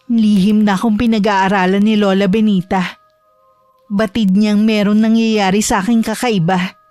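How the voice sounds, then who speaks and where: A woman narrating a horror story in the first person, in a steady, hushed storytelling manner. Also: mid-range voice, dry recording.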